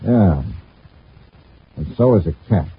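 A man's voice: low-pitched, animated, slow pace, breathy edge, full character voice. An actor playing a wry male insurance investigator who narrates his own case in an old radio detective drama. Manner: wry, dry, hardboiled narration. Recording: tinny scratchy old radio broadcast.

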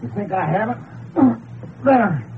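High, excitable folksy American sidekick, old radio. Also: male voice, a little slow. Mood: urgent. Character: excitable, folksy male adventurer sidekick, wry and loyal. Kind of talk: 1940s radio adventure serial acting. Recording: noisy, tinny old radio recording.

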